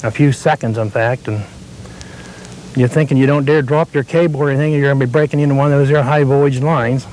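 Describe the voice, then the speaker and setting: A man's voice: mid-range voice, steady tone, a little mellow, poor audio. Plain-spoken man on worn tape. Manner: plain-spoken, halting storytelling. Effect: worn VHS tape copy with faint hiss. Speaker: equipment operator interviewee. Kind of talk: interview answers.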